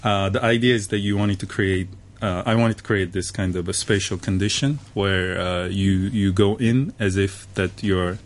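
A man's voice: low-pitched, steady tone, moderate pace, hardly any pauses. A man from South Korea, a native Korean speaker, talking about his art as a guest in a radio interview, with many fillers and restarts. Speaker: artist guest.

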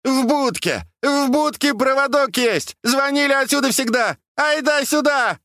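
This is a shrill, hollering old watchman from an audiobook, played by a man. He wails and fusses in a high, lively voice, close and dry. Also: unhurried, no echo. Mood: panicked. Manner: wailing, shouting, fussing. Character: old male dam watchman, frantic war veteran.

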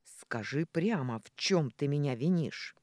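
An audiobook reader voicing Jella, a male non-human Yass who speaks slowly and firmly with a quiet threat, in a dry, mellow recording. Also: medium pitch, animated, dry recording, natural voice. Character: male Yass, a non-human being, stern then gentle.

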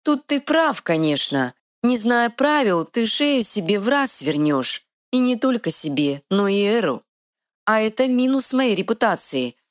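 A woman voicing a tiny, sharp-tongued female fairy guardian with quick retorts, in a dry close recording. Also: a little high, sing-song, dry recording, pitched above the performer's own voice. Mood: feisty.

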